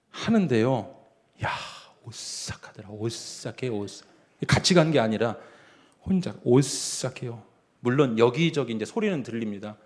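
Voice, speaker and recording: Korean pastor preaching a storytelling sermon. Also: male voice, medium pitch. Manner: storytelling, swings from hushed to emphatic preaching. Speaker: senior pastor. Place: church sanctuary.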